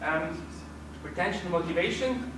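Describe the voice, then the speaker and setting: This is a group presentation by a hesitant man who restarts often, speaking at a moderate pace in a high voice. The sound is distant, echoey, and noisy.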